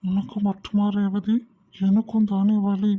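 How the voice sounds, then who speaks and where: A woman voicing a withdrawn, guilt-ridden young man in an animated drama, speaking in subdued, weary, curt replies. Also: mid-range voice, measured pace, phone-quality sound, natural voice. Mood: weary, brooding.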